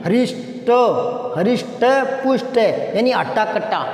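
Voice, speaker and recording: High-voiced Hindi teacher in an echoey room. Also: male voice, expressive, a little mellow. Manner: repeats words slowly and stresses each one; directly addresses viewers, coaxing. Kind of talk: exam-prep grammar lesson. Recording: echoey room with long reverb.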